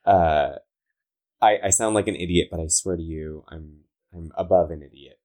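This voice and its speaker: A man's voice: sits low, moderate pace, mellow. A man with a Southern Californian accent chatting casually as an interviewed writer, talking like a valley girl with "like" sprinkled through. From Southern California, United States. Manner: valley girl talk, peppered with "like". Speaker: interviewed comic book writer.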